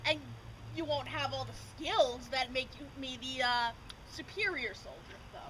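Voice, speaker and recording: A self-important, bumbling soldier acted by a woman boasts in comic renaissance faire style. The voice is high and cocky, blustering along. Clear outdoor noise surrounds it. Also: moderate pace, fairly bright tone, rough recording. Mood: smug, patronizing. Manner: cocky, blustering, hesitant when challenged. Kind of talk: comic live renaissance faire stage acting. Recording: outdoor live recording, clear ambient noise.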